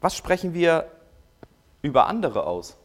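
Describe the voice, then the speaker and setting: This is a preacher in full sermon mode who keeps putting questions to the congregation. Key words get drawn out slowly and loudly, then the voice drops to a soft, confiding murmur before the next question. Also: medium pitch, very animated. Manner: rhetorical questions, checks in with "ja?"; swings from loud to soft, drawing out key words.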